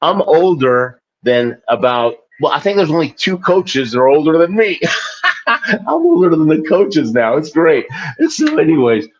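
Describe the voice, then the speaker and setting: The man, in his forties, is a guest being interviewed, an Olympic athlete who also writes books. His voice runs a little high and very animated but unhurried, and he rambles casually, mocks himself, and laughs a lot. The sound is lo-fi.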